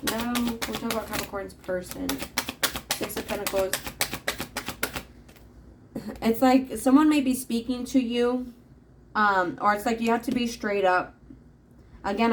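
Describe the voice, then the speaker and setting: A woman's voice: mid-range voice, noisy background. A woman reading tarot cards in a casual, rambling monologue with plenty of fillers. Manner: chatty, rambling, frequent fillers. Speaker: tarot reader.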